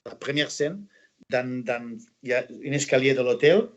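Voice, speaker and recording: A man who is an actor and interview guest, telling anecdotes in a lively way, with many restarts and bits of English mixed in. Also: mid-range voice, normal speed, dull audio. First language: Catalan. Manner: animated storyteller, many restarts, mixes in English phrases.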